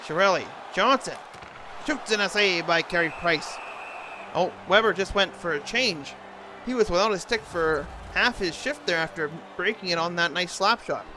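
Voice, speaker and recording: High-voiced man calling hockey play-by-play. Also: moderate pace, background noise. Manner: imitating a TV sports announcer.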